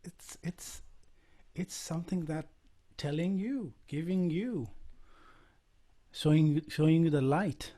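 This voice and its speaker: A man from Nepal, softly guiding listeners into a devotional chant, often trailing off to a near whisper. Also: a little high. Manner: soft-spoken, halting, drops to near whisper. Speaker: musician leading a chant. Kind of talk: guided devotional chant session. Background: faint percussion music.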